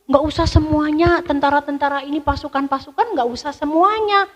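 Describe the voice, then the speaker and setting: A woman's voice: high voice, fairly quick, long reverb tail, pitched above the performer's own voice, lightly acted. A woman voicing soldiers who talk urgently to their leader. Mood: eager. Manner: urgent, pleading.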